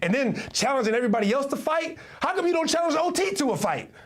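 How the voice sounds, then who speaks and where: Thirties male host, rapid and slangy, restarts a lot, video-call sound. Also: very high-pitched. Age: 30s. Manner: fast, animated, lots of restarts and slang. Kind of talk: casual online chat.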